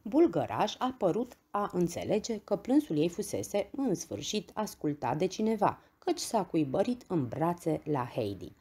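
Woman reading a bedtime story, low husky voice, bit of gravel, lots of lilt. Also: hardly any pauses. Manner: gentle, expressive reading.

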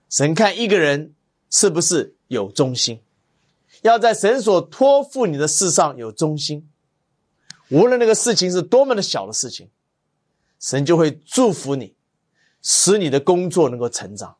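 Man, pastor, devotional sermon, anecdotes with quoted dialogue, higher voice. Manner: storytelling, lively quoted dialogue.

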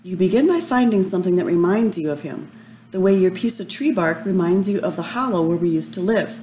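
A woman reading aloud as a gentle mother raccoon from a storybook, soothing and patient. Her voice sits a touch lower than the narration, mellow and warm. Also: animated, brisk, a little hiss or hum, close to an everyday voice. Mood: encouraging.

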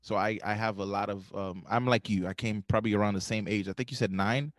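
Podcast co-host, man raised in Haiti, lowish voice, dry close recording, earnest and halting. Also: steady tone, no room sound. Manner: earnest, recommending with many fillers and restarts. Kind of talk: casual podcast chat.

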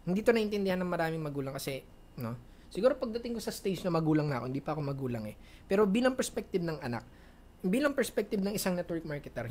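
A man's voice: high-pitched, darkish tone. A man giving casual, chatty coaching advice to viewers in a Q&A, mixing in English phrases and laughing often. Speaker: networking coach hosting a Q&A.

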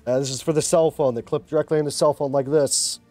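A man chats through a casual live stream, fired up and repeating himself as he rallies his viewers. His voice sits a little high with a mellow, relaxed tone. Faint music plays behind him. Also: fast talker, dry recording. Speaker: mobile game live streamer.

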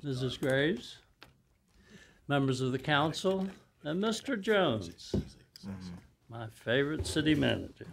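An older man addressing a council as a resident, in a measured, deliberate and courteous public comment. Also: a little high, sing-song, creaky, fairly bright tone, slight background noise. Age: 60s or older. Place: large council chamber, indoors. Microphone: podium gooseneck microphone.

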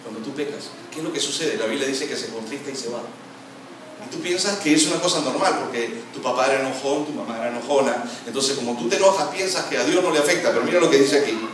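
Animated preaching man in an echoey hall. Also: medium pitch, quick pace. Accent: Latin American Spanish. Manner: animated preaching, acting out quarrels in mimicking voices. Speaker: pastor. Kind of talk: sermon. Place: church hall. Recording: very echoey hall, from far off, noisy.

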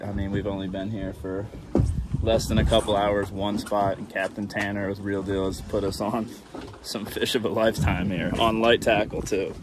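A man in his thirties hosting a fishing vlog from a boat offshore, energetic and laughing often, recorded on an action camera. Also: lowish voice. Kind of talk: excited outdoor vlog talk. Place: open boat offshore, outdoors. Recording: outdoor boat noise.

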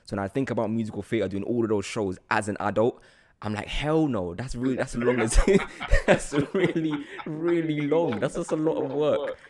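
Chatting casually from a small indoor room, a young London-accented podcast host speaks right up close to a mic on a boom arm. His darkish, mid-range voice moves at normal speed as he conducts the interview.

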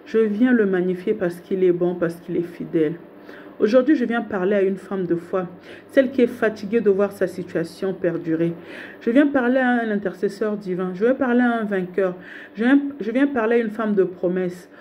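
A woman's voice: medium pitch, normal speed, highs cut off, slight background noise. A woman preacher delivering a fervent sermon, with repeated exhortations in a rhythmic, building cadence. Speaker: prophetess preaching online.

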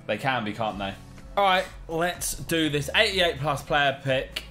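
A man's voice: a little high, expressive, unhurried, bright, forceful tone, faint music behind. A British man in his twenties hosting a video with casual gaming commentary. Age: 20s. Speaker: gaming YouTube host. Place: small room at home.

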